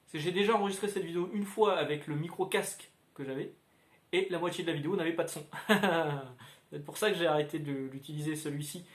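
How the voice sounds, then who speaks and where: A man hosting a casual comics chat, rambling and filling pauses with hesitant sounds. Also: a little high. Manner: rambling, many filler sounds. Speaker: comics video host. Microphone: standalone microphone. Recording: roomy echoey room.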